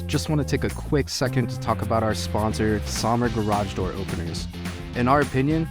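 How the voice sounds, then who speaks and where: A man reading a sponsor spot in an upbeat promotional way. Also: lowish voice. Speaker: sponsor ad reader. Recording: voice over guitar music.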